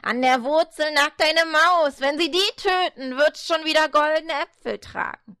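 A woman voicing a loud, snappish storybook devil. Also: high-pitched, measured pace, no echo, studio quality, voice pushed up, exaggerated voice. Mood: gruff. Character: loud gruff male devil, short-tempered.

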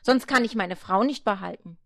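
A woman's voice: medium pitch, moderate pace, fairly bright tone, lightly acted. A woman voicing an earnest young hero. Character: earnest young man on a quest.

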